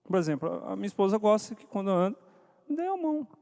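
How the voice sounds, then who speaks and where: A man's voice: high-pitched, very animated, quick pace, creaky, darkish tone. A man giving an interactive church talk to couples, asking the audience questions and calling on people by name. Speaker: speaker at a church couples' meeting. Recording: long hall reverb.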